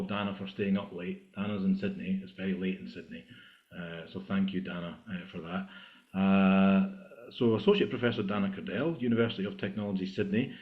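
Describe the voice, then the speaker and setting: A man chairing an online meeting, introducing speakers formally with many halting "uh" fillers. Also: deep voice. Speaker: session chair. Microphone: video call. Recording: tinny video-call audio.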